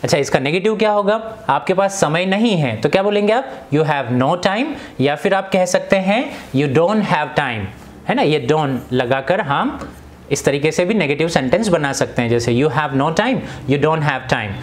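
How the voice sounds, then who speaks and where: A young man teaching an English grammar lesson in Hindi. He often asks the class questions and repeats each example sentence slowly. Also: a little high, lively intonation.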